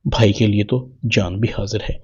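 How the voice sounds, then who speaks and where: A blunt, scornful young man, read out by a man in a low, husky voice. The reading stays plain, with a dull lo-fi sound. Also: fairly even intonation.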